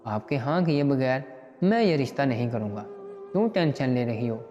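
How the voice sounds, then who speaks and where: A man voicing a gentle, caring young brother-in-law who pleads softly in a storybook tale. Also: mid-range voice, expressive, normal speed, close to an everyday voice. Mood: concerned. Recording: dull lo-fi recording with long reverb and faint music.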